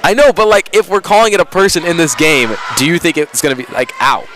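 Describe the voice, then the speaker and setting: A man's voice: fairly high pitch, fast, background noise. A man doing color commentary at a school volleyball game, joking and rambling between plays. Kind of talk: casual sports banter.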